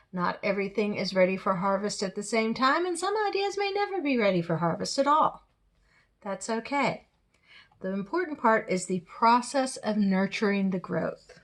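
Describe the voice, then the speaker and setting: Firm, direct woman tarot reader. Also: a little high. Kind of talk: spoken tarot reading.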